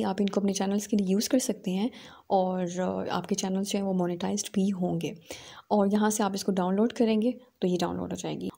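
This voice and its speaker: A woman hosting a screen-recorded software tutorial, explaining each step with small fillers. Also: medium pitch. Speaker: tutorial host.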